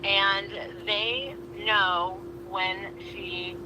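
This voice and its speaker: Woman caller heard through a speakerphone, casual and hesitant, with clear noise on the line. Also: medium pitch, fairly even intonation, extremely slow. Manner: hesitant, restarts and fillers. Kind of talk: casual call-in chat. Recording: noisy speakerphone call.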